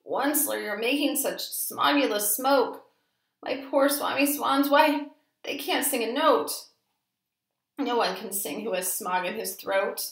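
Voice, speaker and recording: Lady doing an indignant old forest creature, scolding in storybook rhyme, higher pitched, roomy echo. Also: unhurried. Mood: hoarse complaint. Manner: emphatic, scolding, rhyming speech.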